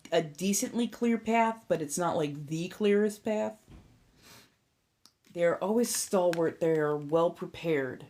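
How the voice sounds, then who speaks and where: A woman's voice: fairly low pitch, darkish tone. A woman with a Southern California accent chatting casually and informally to viewers as a livestream host and tarot reader, rambling a little as she goes.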